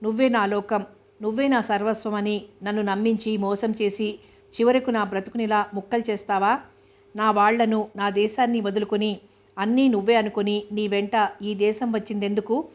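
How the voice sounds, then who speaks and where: A woman's voice: medium pitch, steady tone, normal speed, close to an everyday voice. A woman reading the lines of a heated, accusing foreign wife in an audiobook novel, in her own voice. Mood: indignant.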